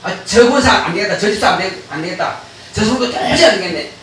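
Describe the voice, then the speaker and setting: A mocking male devil, acted out by a preacher, who speaks in a high, sharp, cutting voice. It sounds as if it comes from a distance in a very echoey hall with faint noise. He taunts believers and then grudgingly gives up. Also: expressive, quick pace.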